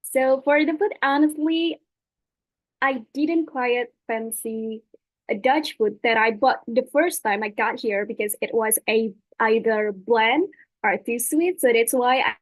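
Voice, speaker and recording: Presenting slides in a webinar, a young woman from Indonesia keeps a measured pace but hesitates often, with many fillers and restarts. Her voice is a little high; the recording is low quality and free of echo.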